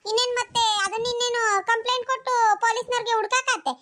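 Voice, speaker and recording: Cartoon young village wife, voiced by a performer, sassy, talks back, squeaky high voice. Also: little pitch movement, very fast, pushed and bright, a little hiss or hum. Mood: dismissive. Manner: cheeky and dismissive. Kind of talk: cartoon voice acting.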